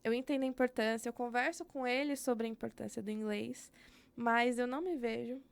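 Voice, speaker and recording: Here is a young adult woman, Brazilian Portuguese accent, chatting frankly on a podcast about being an educator during an easygoing interview. Her pitch is a little high and her tone steady, clear and resonant, though gravelly, and she talks fairly quickly. She reasons out loud with frequent fillers.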